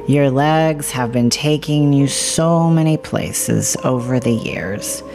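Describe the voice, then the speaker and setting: Meditation guide: reassuring and hypnotic, gravelly creak in the voice, extremely unhurried delivery. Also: mid-range voice. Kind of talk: slow scripted guided meditation. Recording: music bed behind the voice. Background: music.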